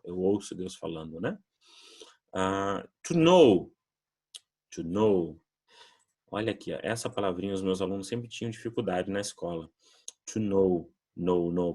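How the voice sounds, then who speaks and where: A slightly rough, lowish male voice belongs to a Brazilian English teacher. In this recorded classroom lesson he explains vocabulary patiently and leads pronunciation drills by example.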